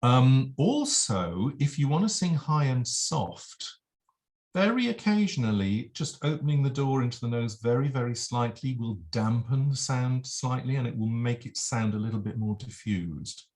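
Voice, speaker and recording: A man's voice: medium pitch, animated, normal speed, darkish tone. Man explaining vocal technique. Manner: explanatory, demonstrates sounds with nose pinch. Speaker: vocal coach. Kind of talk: vocal demonstration lesson.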